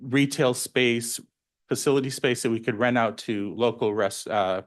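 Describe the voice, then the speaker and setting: A man's voice: medium pitch, level tone, normal speed. A man who runs a school nutrition program, explaining at a public board meeting in a plain way with frequent ums.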